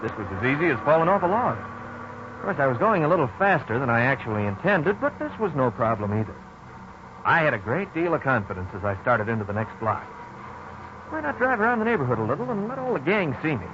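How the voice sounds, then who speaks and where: In a dull, noisy 1950s radio drama recording, a male narrator with a fairly high voice talks fast as grown-up Vic, an earnest man recalling a blunder from his youth. His first-person storytelling is animated, folksy and expressive, with an excited, boastful mood.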